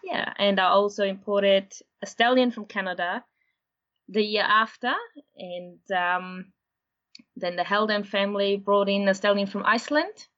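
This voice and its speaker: A woman originally from Austria talks as a guest about breeding horses and walks through the details patiently, at an even pace. Her mid-pitched voice comes through slightly dull and lo-fi, as if over a remote call. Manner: steady, explanatory, unhurried. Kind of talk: casual interview.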